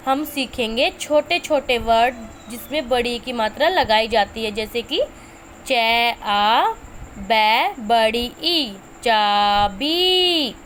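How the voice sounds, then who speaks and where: A woman teaching young children's letter sounds, stretching and repeating each sound slowly. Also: a little high, slight background noise. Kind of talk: Hindi lesson for teachers and parents.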